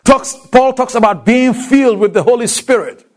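Delivering a lecture on a biblical letter, a Ghanaian man, speaking English as a second language with a Ghanaian accent, puts rhetorical questions to his audience. His voice is extremely high-pitched yet darkish in tone, at normal speed.

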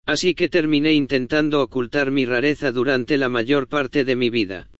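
Middle-aged male pastor, smooth voice, folksy sermon storytelling, slightly dull recording. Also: mid-range voice, fairly even intonation, moderate pace, no room sound. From United States. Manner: folksy storytelling, conversational asides.

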